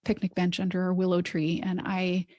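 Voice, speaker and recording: Middle-aged woman guest, candid animated storyteller, close dry mic. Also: lowish voice, moderate pace, dry recording. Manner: earnest, animated storytelling with quoted dialogue. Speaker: guest, clinical counsellor and adoptive mother. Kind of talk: candid podcast conversation.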